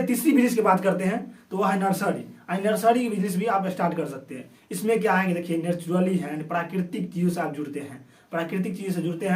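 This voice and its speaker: Speaking through a sore throat, a man with a high voice hosts a video and explains things casually, often repeating and rephrasing what he says. He sits back from the microphone, and the recording sounds roomy and echoey.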